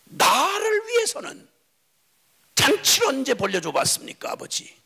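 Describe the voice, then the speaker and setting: A bitter, indignant elder brother, as a preacher acts him out, pleading his grievance with a high, gravelly voice that swings wide. The tone is bright and edged, with a husky grain. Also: big pitch swings, measured pace, in a large hall, full character voice. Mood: bitter protest. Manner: aggrieved protesting.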